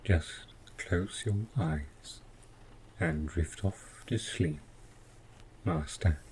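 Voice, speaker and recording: Voiced by a man in a scripted audio drama monologue, the devoted robot butler sounds soothing and possessive, his quiet possessiveness coming through. He speaks very slowly in a very low, mellow voice, using formal, precise, measured phrasing. Noticeable ambience sits in the background, along with slight hiss or hum.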